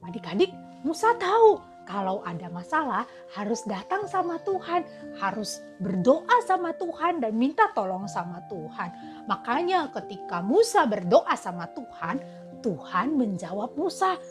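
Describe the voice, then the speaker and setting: A woman, a Sunday school teacher telling a Bible story to children in an animated, exaggerated way. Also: a little high, moderate pace, over music.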